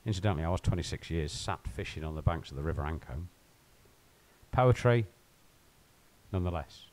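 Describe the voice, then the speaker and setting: A man with a fairly low voice hosts a casual live game stream from home. He rambles and jokes with his viewers as he plays, drifting between chat and the game. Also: animated, fairly quick, darkish tone. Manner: rambling, joking, talks to viewers while playing.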